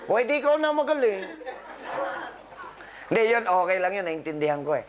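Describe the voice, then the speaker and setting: A man's voice: high-pitched, sing-song, moderate pace, a crowd in the background. A man, a doctor, giving a live talk to patients, scolding them with humor and quizzing the audience. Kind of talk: live motivational health talk.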